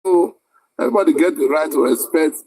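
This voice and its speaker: A man from Benin with an Igbo-sounding Nigerian accent, arguing informally in Pidgin, haltingly repeating phrases to hold the floor. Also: on the high side, darkish tone. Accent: Nigerian, with an Igbo-sounding tinge.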